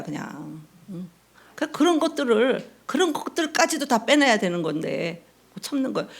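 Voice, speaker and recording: Gravelly-voiced woman pastor telling stories. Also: a little high. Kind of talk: sermon.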